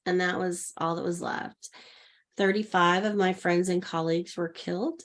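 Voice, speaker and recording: In a podcast interview, a woman around sixty who works as an intuitive leadership coach shares a personal story as a guest, acting out the voices of people she quotes. She speaks at normal speed in a fairly low, steady voice.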